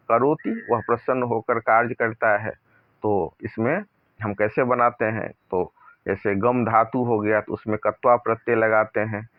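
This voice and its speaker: A man teaching a grammar lesson, reading example sentences slowly and deliberately, then explaining them in plain speech. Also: lowish voice, no echo. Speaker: Sanskrit teacher. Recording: dry, narrow phone-like sound.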